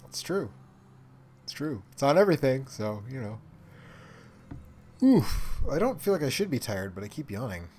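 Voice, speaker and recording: A man's voice: mid-range voice, very animated, a little fast, a little mellow, slight background noise. A man co-hosting a live stream, chatting casually in a wry, self-mocking way, often trailing off mid-sentence. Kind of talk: casual chat while watching a live stream.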